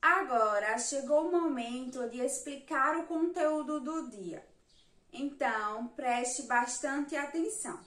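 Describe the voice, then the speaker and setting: Brazilian woman, primary teacher; slow, high and bright; distant mic, roomy echo. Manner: slow, patient, counts letters and syllables aloud. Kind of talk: remote lesson for young children. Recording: echoey room, mic at a distance.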